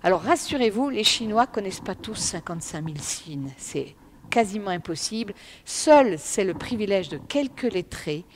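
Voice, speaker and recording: A middle-aged woman giving a lively public talk on Chinese writing, emphatic and speaking straight to her audience. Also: medium pitch, moderate pace, a little hiss or hum.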